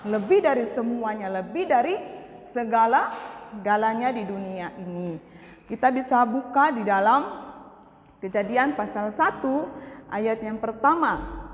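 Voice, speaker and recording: High-voiced woman telling children a story. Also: measured pace, long pauses. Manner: animated storyteller addressing children. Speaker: chapel speaker for schoolchildren. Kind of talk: children's chapel story and sermon. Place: school chapel hall. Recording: echoey chapel hall.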